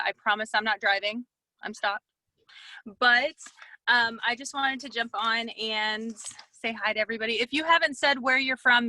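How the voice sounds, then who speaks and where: A woman's voice: fairly high pitch, bright, forceful tone, dry recording, low-quality recording. A woman talking casually and upbeat from her parked car on a headphone mic, chatty with frequent ums. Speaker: guest speaker. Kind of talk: casual online talk.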